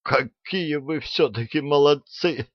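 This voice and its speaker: A man's voice: on the low side, sing-song, unhurried, no room sound, lo-fi sound. A sentimental exclaiming king, voiced by a man. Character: easily moved, greedy old male king.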